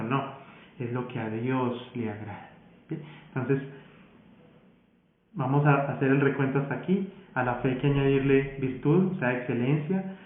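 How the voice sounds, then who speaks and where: A man's voice: mid-range voice, very echoey, narrow, tinny audio. A male pastor with a Colombian Spanish accent preaching a sermon in a conversational way, often checking in with the congregation. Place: church sanctuary.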